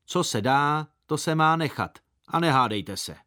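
A man's voice: fairly high pitch, lively intonation, sharp tone, voice pushed up. A man voicing a stern, dignified father who speaks firmly and admonishingly in a storybook reading. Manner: firm, admonishing, measured.

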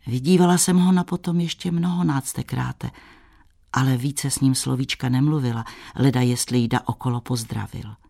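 A man narrating an old storybook in a calm, measured reading style. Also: mid-range voice, vocal fry. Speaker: audiobook narrator.

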